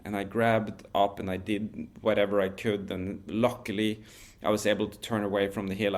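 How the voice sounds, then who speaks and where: A Norwegian wingsuit pilot, appearing as a podcast guest, tells a story in a relaxed, measured way with frequent restarts. His voice sits lowish.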